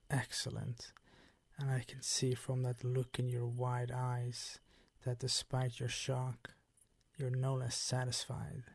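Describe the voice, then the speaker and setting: A man takes on the role of a possessive, predatory vampire count in ASMR, delivering formal, teasing, commanding lines in a breathy voice that often fades toward a whisper. The performance is heavily acted, medium in pitch, with no echo.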